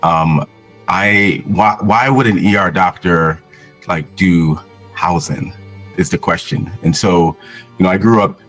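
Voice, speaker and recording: Deep-voiced earnest man from Jamaica. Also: fairly bright tone, soft background music. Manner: earnest, measured storytelling with many fillers. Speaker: guest, physician. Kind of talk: casual interview.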